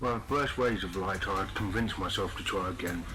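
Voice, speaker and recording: A man reading a horror story aloud in a measured, deliberate storytelling manner. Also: low voice, poor audio. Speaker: story narrator. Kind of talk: scripted horror story narration. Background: faint background music.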